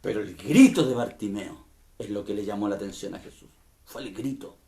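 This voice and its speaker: Preaching as a pastor, this man alternates forceful outbursts with softer asides, frequently putting questions straight to his audience. He speaks in a lowish voice, a little fast.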